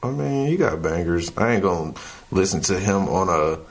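A very low-voiced man keeps the chat loose, needling his co-host with relaxed teasing. His tone stays easygoing and conversational throughout. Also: moderate pace. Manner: laid-back, teasing banter. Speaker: podcast co-host. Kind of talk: casual chat.

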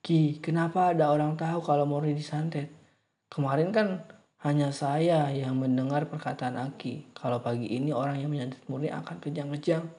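A man's voice: on the high side, steady tone, moderate pace, dark tone, pitched above the performer's own voice, natural voice. A man voicing an anxious young villager who pleads in a raised, urgent way in a spoken horror story.

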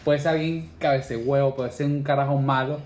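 A man's voice: mid-range voice, steady tone, normal speed, a little mellow. Joking Venezuelan man in an echoey room. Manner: joking, laughs often, Venezuelan slang. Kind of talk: casual banter. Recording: echoey room, faint noise.

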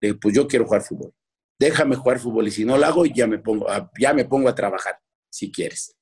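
A man with a Mexican accent, speaking at an ordinary pitch in a husky, slightly breathy voice. He is a former footballer telling stories in a relaxed interview. He rambles, restarts often and acts out his parents. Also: fairly quick. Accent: Mexican Spanish. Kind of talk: casual interview storytelling.

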